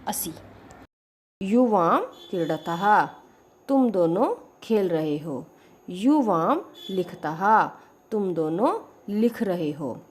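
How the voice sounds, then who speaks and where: Slow, lively-pitched teacher woman. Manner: slow, deliberate, repeats each sentence with its translation. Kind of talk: Sanskrit grammar lesson with Hindi explanation.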